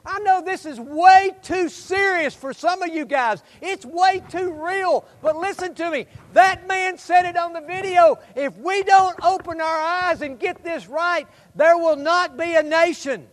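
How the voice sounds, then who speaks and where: A man preaching a sermon as a pastor, fervent and exhortative, appealing directly to his listeners and swinging between loud emphasis and hushed asides. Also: very high-pitched, unhurried, few pauses. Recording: hall reverb.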